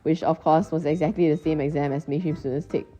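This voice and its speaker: Low, mellow Singaporean woman, brisk and articulate. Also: steady tone, faint music behind. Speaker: interviewee, former gifted programme student. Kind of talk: articulate interview answers.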